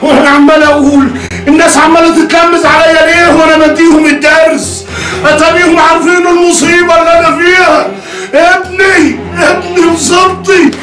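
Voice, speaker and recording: An actor with an Egyptian Arabic accent playing a furious, devout older father who shouts curses at his son. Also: very high voice, level tone, quick pace. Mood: enraged. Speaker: pious respected neighborhood elder. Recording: echoey, distant, music and crowd behind.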